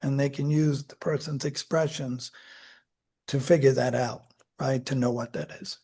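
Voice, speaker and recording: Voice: mid-range voice, fairly even intonation, moderate pace, warm tone, breathy edge. A psychology lecturer explaining child development to a class in a conversational, self-correcting way, acting out examples. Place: lecture room.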